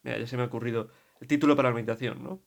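A man's voice: medium pitch, steady tone, very fast, creaky. A man in his thirties with a Spain Spanish accent, a priest giving a spoken meditation in a conversational, digressive way, often correcting himself.

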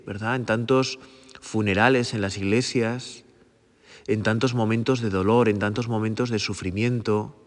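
A man giving a gentle, prayerful sermon, often repeating phrases and asking his listeners for agreement. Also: on the low side, long reverb tail. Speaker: priest. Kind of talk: meditative sermon.

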